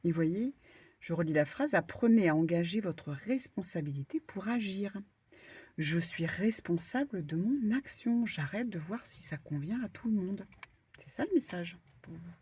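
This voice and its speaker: A woman medium giving a casual spiritual card reading, talking in an animated, stumbling way with many fillers. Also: lowish voice, normal speed, slightly rough. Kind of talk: spiritual guidance talk, casual.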